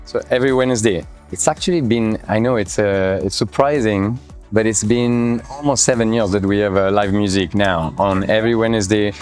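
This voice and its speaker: A man guesting on a TV segment, quickly and cheerfully explaining a restaurant's brunch and happy hour. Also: on the low side, a little mellow, soft background music. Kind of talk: interview guest.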